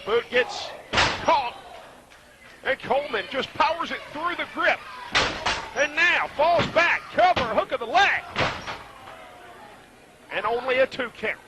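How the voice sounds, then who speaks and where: High-pitched excitable male wrestling commentator. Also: slow, long pauses. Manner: excitable, punchy short calls. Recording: noisy live event recording.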